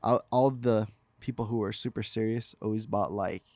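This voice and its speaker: A man's voice: on the low side, fairly even intonation, moderate pace, darkish tone, dry recording. Rambling man in casual podcast chat. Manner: rambling, many fillers and restarts. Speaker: podcast co-host.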